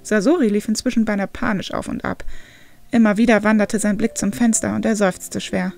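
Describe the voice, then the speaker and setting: A woman reading a story aloud in a calm, measured narrating voice. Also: mid-range voice, gravelly, soft background music. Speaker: audiobook reader.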